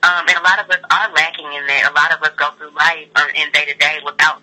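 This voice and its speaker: A woman talks over the phone in a relaxed, informal interview. Her voice is very bright and forward, with an edge to it. She explains things conversationally, leaning on "like" as she goes. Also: low voice, fast, rough recording. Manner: informal, peppers speech with "like". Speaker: sex educator interviewee. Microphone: telephone call.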